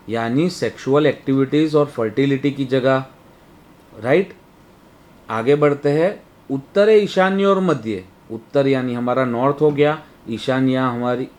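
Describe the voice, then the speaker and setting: A man's voice: medium pitch, a little mellow. A man teaching a Vastu webinar, explaining step by step and often checking in with "right?". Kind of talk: webinar lecture.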